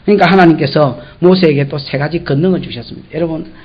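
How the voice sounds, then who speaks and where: A man's voice: fairly high pitch, fast talker, slight background noise. A man preaching an expository sermon as a pastor, in a folksy, joking way with a Gyeongsang accent, acting out the dialogue. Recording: dull lo-fi church recording.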